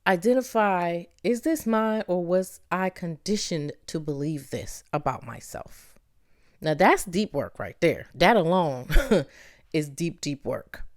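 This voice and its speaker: Lively woman podcast host from Barbados. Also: lowish voice, slow. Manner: lively, playful, calls listener "baby". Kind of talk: motivational podcast talk.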